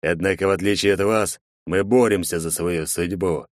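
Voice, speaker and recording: Man reading as a calm, cold dragon, low and unhurried, dry sound. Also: dry recording, lightly acted. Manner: calm, measured. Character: huge male emerald dragon, calm and cold.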